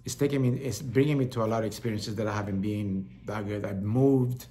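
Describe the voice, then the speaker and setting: The voice here is on the low side, warm, and fairly quick: a middle-aged man from El Salvador, with a Salvadoran Spanish accent, rambling casually through a talk show monologue. He repeats words a lot and acts out quoted voices.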